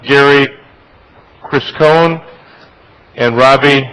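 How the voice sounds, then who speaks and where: A man's voice: medium pitch, fairly even intonation, very slow, fairly bright tone, smooth, poor audio. An American man chairing a public meeting, speaking in informal procedural phrases. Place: government meeting room.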